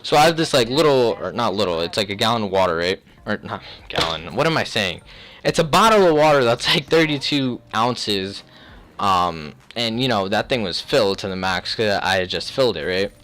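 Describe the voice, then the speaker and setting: A young man telling a personal story in a casual, rambling, slangy way, often clearing his throat. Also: fairly low pitch, expressive, moderate pace, a bit bright. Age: young adult. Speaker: video creator.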